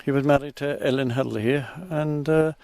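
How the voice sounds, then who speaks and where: An Irish man from Kerry with a Kerry accent, talking in a halting way with many ums and restarts in a casual interview outdoors by a river. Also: medium pitch, fairly even intonation, creaky, darkish tone, no echo. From Tralee, County Kerry, Ireland. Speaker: local interviewee. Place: outdoors beside a river in a village.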